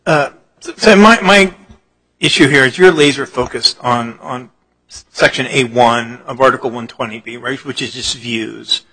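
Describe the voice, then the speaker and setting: A man's voice: mid-range voice, a little slow, bright, forceful tone, breathy edge, rough recording. A male appellate judge questioning counsel in a courtroom, working through his point aloud. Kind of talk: questioning counsel at oral argument.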